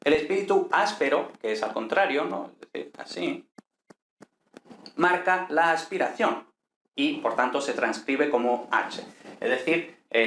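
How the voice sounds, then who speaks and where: A man's voice: medium pitch, a bit bright. Man teaching in an echoey room. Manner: unhurried, frequent tag questions and fillers. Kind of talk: explaining ancient Greek lesson. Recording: echoey room with faint noise.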